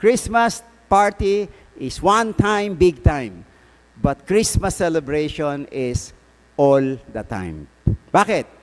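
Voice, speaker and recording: A priest with a Filipino accent preaching at a prayer meeting, mixing English and Tagalog and telling a story with rhetorical questions. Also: male voice, sits high, expressive, slow pace, big-room sound.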